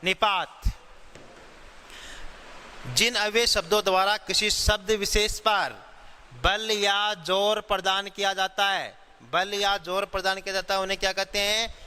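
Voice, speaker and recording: A man teaching grammar, explaining slowly, repeating key phrases and answering his own questions. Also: high voice, fairly even intonation, pushed and bright, smooth. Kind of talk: classroom-style grammar lesson. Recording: long hall reverb.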